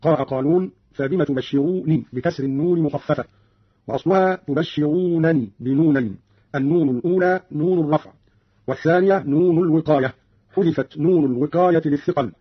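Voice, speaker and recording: A man presenting a radio program, explaining variant Quran readings in a measured, didactic way and quoting the verses. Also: on the high side, slightly rough. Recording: dull old radio recording.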